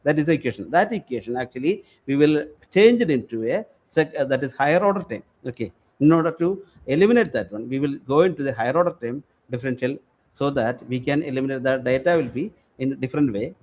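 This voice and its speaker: A man answering technical questions at an online conference, explaining in a halting, repetitive way. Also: medium pitch, animated, darkish tone. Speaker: research presenter answering questions. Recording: dull online call audio.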